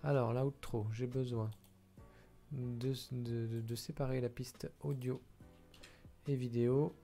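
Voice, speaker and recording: A man's voice: mid-range voice, fairly even intonation, slow, dark tone, soft background music. A tired man thinking aloud with hesitation as he edits a video at his computer. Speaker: video editor commenting his work. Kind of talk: casual screen-recording commentary.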